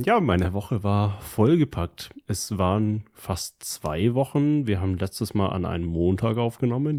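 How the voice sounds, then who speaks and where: A man's voice: fairly low pitch, dark tone. A man co-hosting a podcast, telling stories in casual, slangy German. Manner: colloquial, slangy. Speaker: podcast co-host. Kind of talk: casual chat, telling about his week.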